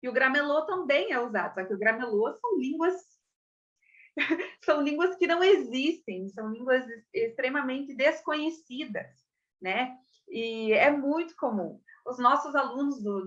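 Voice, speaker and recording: A young Brazilian woman with a high voice teaches a casual theater class and talks to her viewers in a chatty, expressive way. She often stops to ask if they follow. The recording sounds a little dull and lo-fi. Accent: Brazilian Portuguese. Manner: chatty, expressive, repeats words and checks in with listeners. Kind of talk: casual online lesson. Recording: slightly dull lo-fi audio.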